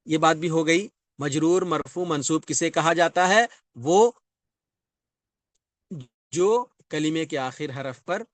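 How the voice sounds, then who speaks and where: Guy teaching grammar class, kinda high voice, keeps repeating stuff and asking you get it?, dry close mic. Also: a bit bright, dry recording. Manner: explains step by step, repeats terms and checks understanding with questions. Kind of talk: classroom lecture.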